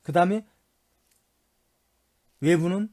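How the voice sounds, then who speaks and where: A man's voice: high voice, slow, darkish tone. Man lecturing, drilling key terms. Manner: repetitive, drills key terms, spells them out; asks and answers his own questions. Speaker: university lecturer. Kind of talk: recorded lecture review.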